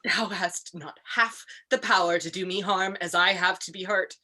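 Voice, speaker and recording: A woman's voice: fairly low pitch, fairly even intonation, normal speed, bright, forceful tone. A woman playing a loyal, outspoken maidservant, impassioned and declamatory, in a Shakespearean tragedy reading. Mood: defiant fury. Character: loyal, outspoken, fiery maidservant to a murdered lady. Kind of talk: Shakespearean tragedy cold read.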